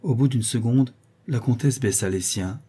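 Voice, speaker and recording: A man narrating a classic novel aloud in a steady, measured way. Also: medium pitch, husky. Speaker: audiobook reader. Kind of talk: audiobook narration.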